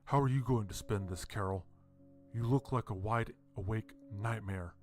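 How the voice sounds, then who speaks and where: A man's voice: fairly low pitch, normal speed, a little mellow, soft background music, natural voice. A man voicing a bitter father confronting someone with hard accusations. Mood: accusing.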